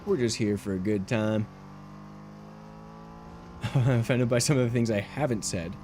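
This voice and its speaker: A man's voice: medium pitch, a little slow, noisy background. A man livestreaming, chatting casually with viewers while gaming, laid-back and rambling with lots of fillers, heard through a livestream headset mic. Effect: livestream headset mic audio. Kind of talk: casual gameplay chat with viewers.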